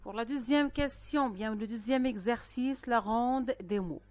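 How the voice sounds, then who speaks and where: A woman teaching a primary school spelling lesson, speaking slowly and carefully with pauses between phrases. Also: on the high side, a little mellow, dry recording. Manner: slow, careful dictation-style delivery with pauses. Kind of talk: recorded online lesson.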